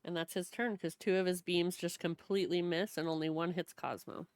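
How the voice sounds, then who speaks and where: A woman's voice: lowish voice, steady tone, brisk, clean tone. A woman running a tabletop game as game master, thinking aloud as she goes.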